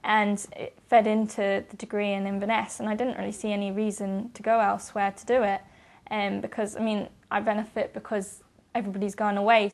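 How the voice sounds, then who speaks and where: A young woman with a medium-pitched voice answers as a student interviewee. Her delivery is casual and conversational. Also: little pitch movement, fairly quick. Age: young adult.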